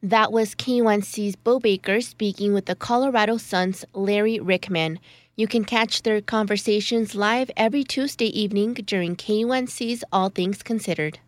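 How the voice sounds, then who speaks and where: A woman host making smooth, even, scripted radio announcements. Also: medium pitch, normal speed.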